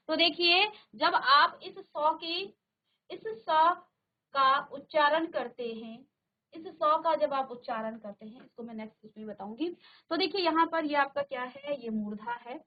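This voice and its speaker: A woman teaching a class, slowly sounding out syllables aloud for her pupils to repeat. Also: sits high, highs cut off. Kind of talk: classroom lesson. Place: studio virtual classroom.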